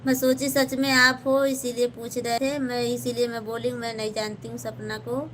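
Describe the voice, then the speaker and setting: A woman's voice: a little high, level tone, normal speed, fairly bright tone, slight background noise. A woman with an Awadhi-tinged Hindi accent hosting a casual live stream from her home kitchen, politely chatting and thanking viewers by name, recorded on a phone.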